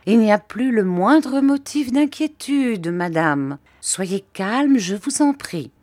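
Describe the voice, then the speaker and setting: A woman voicing a mild, timid country doctor who speaks gently and deferentially. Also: medium pitch, very animated, unhurried, dry recording. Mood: soothing.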